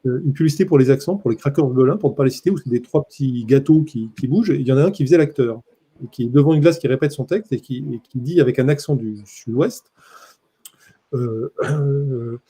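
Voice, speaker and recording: A man's voice: medium pitch, fast talker, mellow, slightly rough. A man, a print journalist, giving a conference talk in an impassioned, emphatic way.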